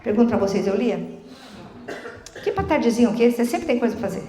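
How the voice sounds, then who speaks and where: A middle-aged woman giving a sermon in a church, telling stories with animated, quick speech and asking the congregation questions. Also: on the high side, soft background music. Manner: animated storytelling, quick talk. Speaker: church speaker. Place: church sanctuary. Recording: echoey church hall.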